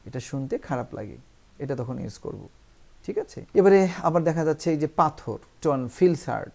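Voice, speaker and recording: A man's voice: fairly high pitch, lively intonation, vocal fry, mellow. Emphatic Bangladeshi man teaching English. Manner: slow, drawn-out English example sentences, emphatic repetition. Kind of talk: spoken English lesson in Bangla.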